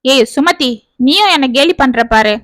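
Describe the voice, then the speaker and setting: A woman putting on a jobless young graduate from a storybook, defensive and pleading. The voice stays bright and high, recorded dry and close. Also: lively intonation, unhurried, no room sound. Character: idle young man, educated and jobless, defensive. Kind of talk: storybook reading.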